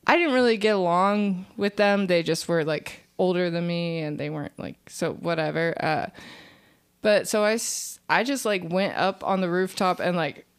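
A woman's voice: lowish voice, normal speed, clear, resonant tone. A young woman, a comedian guest on a podcast, telling a rambling story in casual chat, full of fillers and restarts.

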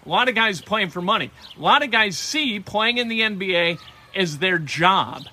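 A man's voice: sits high, lively intonation, moderate pace, bright, forceful tone. A man hosting a sports talk show, delivering a blunt, emphatic and wisecracking monologue about local teams.

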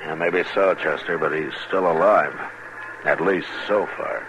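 An actor playing a steady, plain-spoken American town marshal in a radio western, terse and authoritative. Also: male voice, extremely low pitch, a little slow, loud music behind the voice. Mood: steady, dry. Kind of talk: old-time radio western acting. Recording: dull, very noisy old radio recording.

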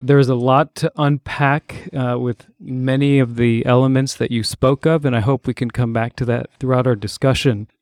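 A man's voice: medium pitch, fairly even intonation, moderate pace, hardly any pauses, darkish tone, no echo. A man with a mid-range voice hosts a podcast and poses careful, polite questions. He thanks his guest formally. The sound is dry and close-miked. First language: not born in the United States. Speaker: podcast host. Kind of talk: interview hosting.

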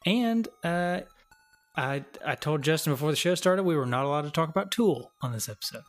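A man's voice: fairly high pitch, animated, a little fast, faint music behind. A man co-hosting a podcast in casual chat, laid-back and joking, often laughing. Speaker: podcast co-host.

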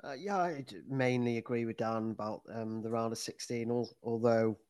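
A man's voice: mid-range voice, steady tone, normal speed, darkish tone, clean tone, dry recording. A man co-hosting a fantasy football podcast with casual analysis, speaking hesitantly and repeating words as he goes. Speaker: co-host and panellist.

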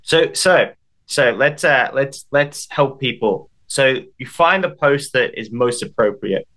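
A man speaking as an interview guest, explaining in a measured, step-by-step way with some restarts. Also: mid-range voice, a bit bright. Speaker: guest, IT expert.

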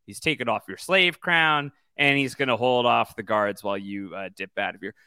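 A man co-hosting a casual podcast about a video game, chatty and full of fillers, animated when he quotes characters. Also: medium pitch, moderate pace, clear, resonant tone, dry recording, clean studio sound. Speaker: podcast co-host.

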